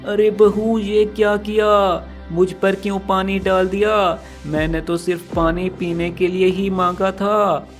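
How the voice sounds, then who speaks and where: A man's voice: sits high, level tone, measured pace, few pauses, faint music behind. A man voicing a frail old female crow, a mother-in-law who pleads in a plaintive way. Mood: pleading.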